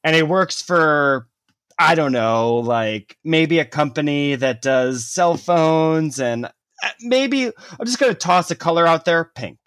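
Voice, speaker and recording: A man's voice: fairly high pitch, lively intonation, slow pace, a bit bright, dry recording, studio quality. A man co-hosting a casual podcast chat, telling a story animatedly with lots of swearing and "like" fillers. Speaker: podcast co-host.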